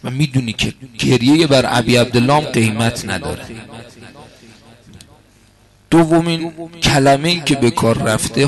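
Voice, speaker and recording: A man preaching a mourning sermon to a gathering, explaining calmly and then rising into impassioned, wailing cries. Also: medium pitch. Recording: crowd audible behind.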